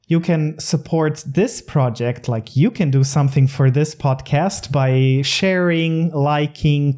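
Male podcast host, friendly, dark mellow tone, a few uhs. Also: mid-range voice. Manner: friendly, some fillers. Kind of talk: podcast introduction.

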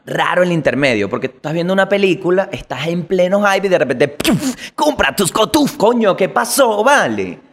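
A Venezuelan man hosting a comedic news show, with a voice sitting a little high. He talks in an animated, slangy way, full of curses. He jumps into quick mock voices. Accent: Venezuelan Spanish. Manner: animated, slangy, swearing, jumping into quick impressions.

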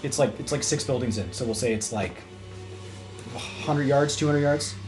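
A man's voice: mid-range voice, normal speed, a little mellow, soft background music. A man running a tabletop game as game master, describing scenes in a loose, hedging way.

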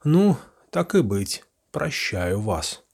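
Man voicing a husky, sly folk-tale peasant. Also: lowish voice, big pitch swings, takes it slowly, a little mellow, full character voice. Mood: self-important. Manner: folksy, muttering to himself. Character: sly peasant man posing as a fortune-teller.

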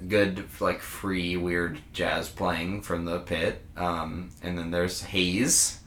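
Deep, bright-toned man in an echoey room. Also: level tone, takes it slowly, a little hiss or hum. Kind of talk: casual chat reviewing a show.

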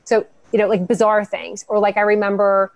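A woman's voice: mid-range voice, steady tone, brisk, dry recording, highs cut off. Upbeat woman guest on a dry mic. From United States, Cuban family. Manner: earnest, upbeat, talks in long flowing answers. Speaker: guest, founder of a women's network. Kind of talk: podcast interview.

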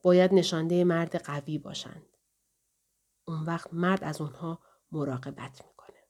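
A woman's voice: sits low, steady tone. Woman putting on a slurring drunken soldier. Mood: scornful. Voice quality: slurred drawling speech. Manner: menacing, sometimes hushed and whispery. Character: drunken brutal male soldier.

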